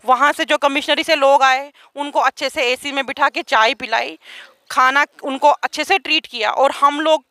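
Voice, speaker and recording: A woman's voice: high voice, fairly even intonation, normal speed, sharp tone, no echo. A woman giving an urgent, aggrieved account as an interviewee, speaking outdoors. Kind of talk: emotional testimony.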